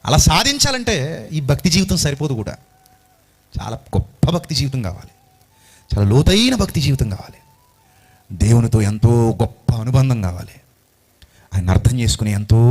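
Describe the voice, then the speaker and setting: Impassioned male preacher, very animated. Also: mid-range voice. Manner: impassioned, fires rhetorical questions at the congregation. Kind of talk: emotional sermon.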